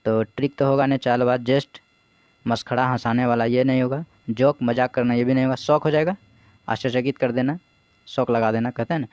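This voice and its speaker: A man's voice: mid-range voice, steady tone, a little fast, darkish tone, clear, resonant tone, no echo, dull audio. A man teaching as an exam coach, explaining English vocabulary in Hindi, asking his own questions, answering them, and spelling words out letter by letter.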